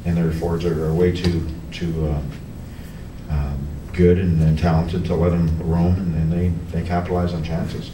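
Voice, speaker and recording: A middle-aged man, a hockey coach, answering reporters at a post-game press conference, halting with many restarts and fillers. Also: sits low, flat delivery. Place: press room in front of a team backdrop. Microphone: table mic on a stand, heard from a camera farther off. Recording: echoey room, distant camera, background noise.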